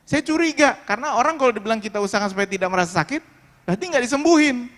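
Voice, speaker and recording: A man's voice: extremely high pitch, lively intonation, racing, a bit bright, in a large hall. A male pastor giving a sermon and telling a personal story in an emotional, conversational way, speaking straight to the congregation. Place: worship hall.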